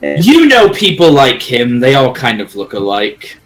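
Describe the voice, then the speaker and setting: A man with a middle-pitched voice plays a tabletop game, talking casually in and out of character. Music runs behind him. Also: wildly swooping pitch, measured pace. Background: background music.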